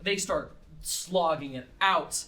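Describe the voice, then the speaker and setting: A man narrating as game master of a tabletop game in a casual, animated way. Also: on the high side, slow pace. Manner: casual, animated, swears and laughs while narrating.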